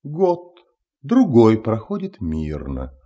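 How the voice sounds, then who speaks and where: A man reciting a verse fairy tale in a slow, sing-song manner. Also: on the low side, huge pitch swings, warm tone, dull audio.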